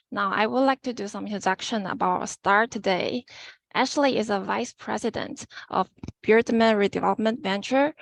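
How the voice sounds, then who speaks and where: A woman with a gravelly edge to her voice reads a formal guest introduction for a webinar. She sounds dry and close to the mic, as on a video call. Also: mid-range voice, dry recording. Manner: formal, read from notes. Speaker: moderator introducing speaker. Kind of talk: reading a speaker introduction.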